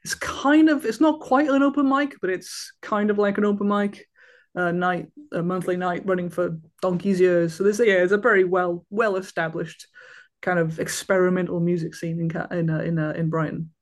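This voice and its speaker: High-voiced man chatting. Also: fairly even intonation, moderate pace. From Wales. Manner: chatty, rambling with fillers and restarts. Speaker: guest. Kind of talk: casual conversation.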